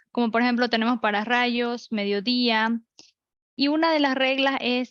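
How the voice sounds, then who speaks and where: Online teacher, woman, higher voice, slightly dull lo-fi mic, methodical. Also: dry recording. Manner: explains rules step by step with examples. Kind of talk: online class lecture. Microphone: computer mic.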